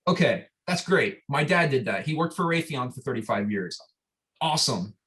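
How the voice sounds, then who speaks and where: A man's voice: mid-range voice, expressive, moderate pace, a bit bright. Rambling, enthusiastic young man. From Florida. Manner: rambling and enthusiastic, with many fillers and restarts. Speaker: startup founder. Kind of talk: casual storytelling interview.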